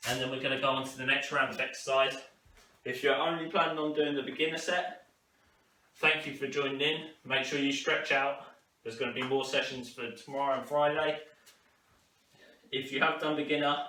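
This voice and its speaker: A fitness instructor coaches a workout to camera, encouraging people and talking them through each move. His mid-range voice is bright and forceful. The recording sounds roomy, with a distant mic and faint noise.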